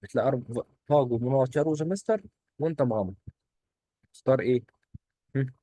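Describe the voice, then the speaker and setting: A man with an Egyptian Arabic accent teaching a German exam-prep lesson, quizzing and answering his own questions in quick drills. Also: mid-range voice, mellow, no room sound. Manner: coaxing, repeats rules in quick drills.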